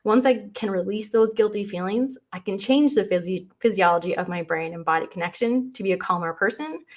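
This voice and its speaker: A woman's voice: medium pitch, brisk. A woman in her thirties hosting a podcast, telling a personal family story in an earnest, emotional way that turns tearful at times. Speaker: podcast host.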